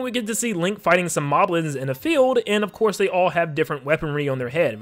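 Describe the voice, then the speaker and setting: A man hosting a gaming video, giving casual, excitable and playful commentary on a game trailer. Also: sits high.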